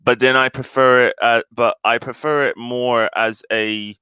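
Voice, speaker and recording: A man's voice: medium pitch, little pitch movement, a little slow, sharp tone, smooth, no room sound. A man chatting casually on his own live stream, hesitant and full of fillers and restarts.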